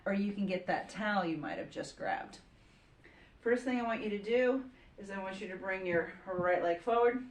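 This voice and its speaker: A woman yoga instructor leading a home floor routine, calmly cueing breath and poses. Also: mid-range voice, roomy sound.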